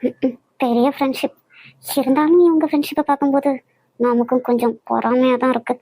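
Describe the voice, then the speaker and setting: A woman's voice: high voice, steady tone, quick pace, warm tone, no echo. A woman voicing a spirited young woman in a cartoon, with a Kanyakumari Tamil accent. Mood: teasing. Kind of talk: cartoon voice acting.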